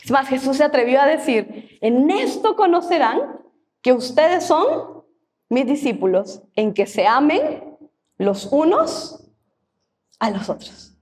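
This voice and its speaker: A woman's voice: sits high, sing-song, slow, pauses often, darkish tone. A woman pastor, preaching a sermon in church and repeating key phrases for emphasis.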